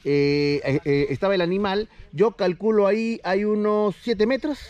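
A man's voice: high voice, normal speed, a little mellow. A man from Peru interviewing a witness outdoors on a farm. He asks probing questions and restates each answer back to the witness. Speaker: investigator interviewer. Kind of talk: on-site investigative interview.

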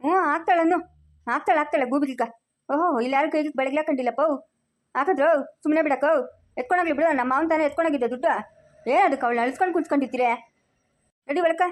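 A woman with a very high voice argues insistently and very fast. She plays a son who defends his wife in an amateur family drama. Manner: insistent, argumentative.

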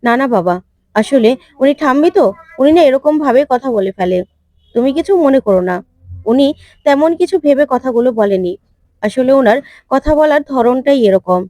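Woman voicing anxious mother, apologetic, scolding, high voice. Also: animated, normal speed, dark tone, no room sound. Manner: soothing, apologetic, then scolding.

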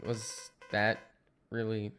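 A man's voice: on the low side, completely flat delivery, slow pace, fairly bright tone, faint music behind. A man giving casual, self-deprecating commentary while he plays a video game, muttering at the game as he goes. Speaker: let's play gamer.

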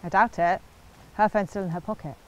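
An actress playing a guarded, sharp-tongued journalist in a short film. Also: female voice, medium pitch, fairly quick, a little hiss or hum, lightly acted, low-quality recording.

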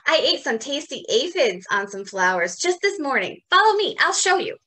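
A woman voicing a helpful, know-it-all female ladybug in a picture book, talking loud and excited. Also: fairly high pitch, moderate pace, breathy edge, exaggerated voice. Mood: eager.

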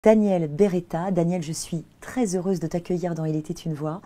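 A woman's voice: lowish voice, steady tone, normal speed, mellow. A woman hosting an interview, asking questions in an admiring tone. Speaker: interview host.

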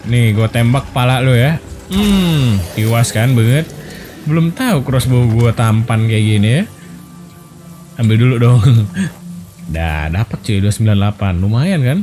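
This young man speaks a little slowly in a mid-range voice as he casually commentates his own gameplay with game music in the background. His let's play style is playful and excitable, full of jokey slang and squeals.

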